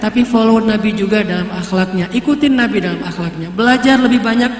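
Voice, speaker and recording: A man's voice: sits high, quick pace. A man giving a casual youth sermon, telling stories in a playful way and acting out the dialogue in different voices. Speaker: preacher. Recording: echoey hall.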